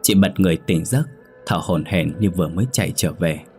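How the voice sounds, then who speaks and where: A man narrating a scripted ghost story in a measured, dramatic way. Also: sits low, a little mellow, soft background music.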